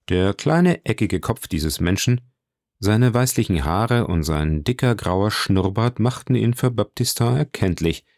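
A man reading a classic novel aloud as audiobook narration in a measured, expressive way. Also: lowish voice, no echo. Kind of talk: scripted narration. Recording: dry close recording.

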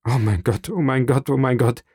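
A man's voice: medium pitch, normal speed, warm tone, breathy edge, no room sound, studio quality. A man voicing a desperate young male prisoner who speaks in a pleading, fervent way. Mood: despairing.

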